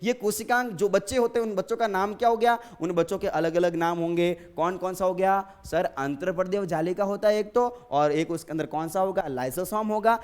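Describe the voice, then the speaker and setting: A man's voice: high voice, a little fast, few pauses, darkish tone, clean tone. A male teacher giving a science lesson, asking questions and answering them himself while repeating key terms and addressing the students fondly. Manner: repetitive, drilling terms.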